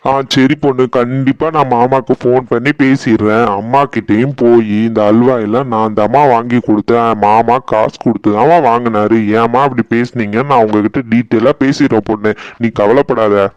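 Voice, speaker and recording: A man voicing a gentle, steady young husband. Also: medium pitch, brisk, hardly any pauses, clean tone, no echo, highs cut off, close to an everyday voice. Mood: soothing. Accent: Tirunelveli Tamil. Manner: soothing to his wife, firm with his mother. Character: young husband, gentle, defends his wife. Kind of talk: cartoon voice acting.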